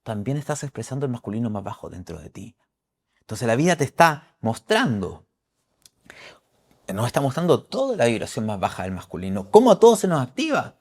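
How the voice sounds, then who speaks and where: A man's voice: mid-range voice, sing-song, a little fast, darkish tone. A middle-aged man giving an astrology forecast talk, emphatic and preacherly, repeating key phrases.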